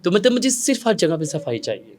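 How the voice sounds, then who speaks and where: A young man from Pakistan with a Pakistani Urdu accent, telling stories dramatically as an interview guest, jumping between loud outbursts and hushed asides. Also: sits high, very animated, brisk. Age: young adult. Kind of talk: casual interview storytelling.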